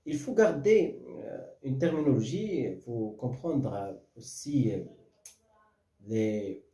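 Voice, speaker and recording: A man's voice: mid-range voice, expressive, slow pace, dark tone, roomy sound. A man teaching French verse, explaining step by step with many fillers and restarts, often checking whether the class follows.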